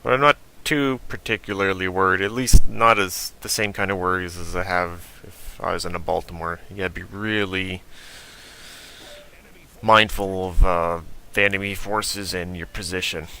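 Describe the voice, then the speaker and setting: A man giving relaxed, casual commentary over a game replay, thinking aloud with fillers. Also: low voice, moderate pace, clean tone. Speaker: gaming video host.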